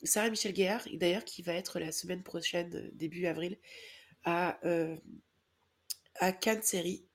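A woman co-hosting a casual podcast, her voice pitched a touch low. She talks in a chatty, enthusiastic way, telling stories and recommending shows to her co-host. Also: fairly even intonation, moderate pace. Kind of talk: casual chat.

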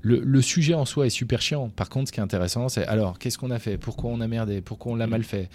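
A company founder and CEO speaks as an interview guest, frank, colloquial and lively, with many fillers and restarts. He has a mid-range voice and talks quickly, and the recording carries a little hiss or hum.

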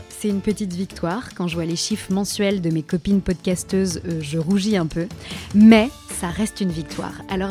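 Give me a chatty woman podcast host at a medium pitch, with faint background music. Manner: chatty and enthusiastic, sharing recommendations. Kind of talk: casual podcast monologue.

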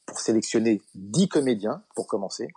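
A middle-aged man, a comedian guest in an interview, telling anecdotes in a relaxed way with many fillers and acted-out dialogue. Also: fairly low pitch, normal speed, husky. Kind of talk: relaxed storytelling.

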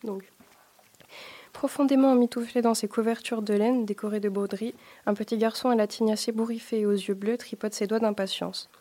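A young woman reads a story aloud on the radio. She narrates in a steady, careful way. Her voice is dark and mellow. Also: fairly high pitch, brisk. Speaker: student reader.

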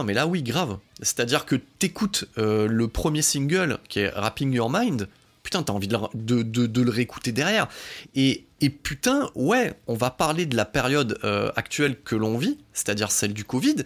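A man hosting a podcast, giving a casual, excitable album review full of swearing, fillers and restarts. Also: mid-range voice, gravelly.

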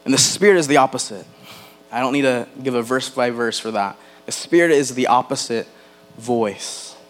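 Earnest male pastor preaching, faint hum. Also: medium pitch. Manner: earnest preaching, slowing to stress key words; addresses the congregation directly with questions. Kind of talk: sermon.

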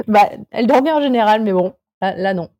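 A woman's voice: mid-range voice, darkish tone, no room sound, clean studio sound. A woman in her thirties, a climber guest on a podcast, chatting casually and hesitantly with many fillers and restarts. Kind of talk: casual interview chat.

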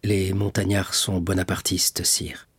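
A man's voice: deep voice, level tone, measured pace, husky, no echo, full character voice. A man voicing a courtly, deferential young magistrate. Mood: grave. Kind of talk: audiobook reading.

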